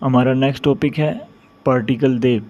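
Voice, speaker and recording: A man with a Pakistani Urdu accent, teaching a beginner grammar lesson and repeating each example phrase slowly. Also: mid-range voice, steady tone, darkish tone, dull audio. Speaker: Japanese teacher. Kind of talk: slow, deliberate grammar lesson.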